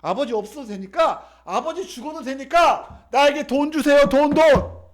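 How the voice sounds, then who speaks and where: A man's voice: very high voice, unhurried, fairly bright tone. A man voicing a young runaway son in a sermon retelling, pleading and unsure of himself. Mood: greedy, demanding. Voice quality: pleading, then wavering and unsure.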